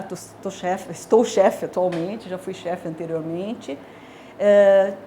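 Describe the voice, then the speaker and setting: Brazilian woman, 60s, professor; mellow mid-pitched voice, thoughtful and halting with fillers. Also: a little hiss or hum. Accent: Brazilian Portuguese. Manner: reflective, hesitant, many filler words. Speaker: dermatology professor. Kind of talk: personal career testimony.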